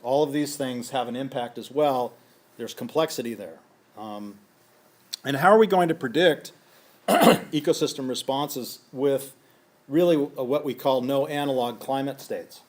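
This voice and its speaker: A scientist giving a lecture, a man whose voice is going hoarse and who keeps clearing his throat as he works methodically through a series of questions. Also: mid-range voice, measured pace. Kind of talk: conference lecture.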